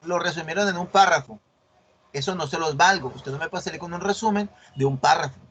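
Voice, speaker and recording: A man's voice: fairly high pitch, brisk, fairly bright tone. A male university teacher explaining a research assignment in an online class, correcting students and often checking whether they follow. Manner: corrective, asks "¿sí ven?" often.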